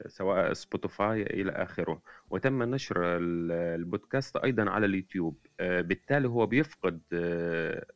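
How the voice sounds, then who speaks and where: A man's voice: low-pitched, fairly bright tone, dry recording. A man with an Egyptian accent politely asking the host questions in a live audio room. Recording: dull phone-app audio.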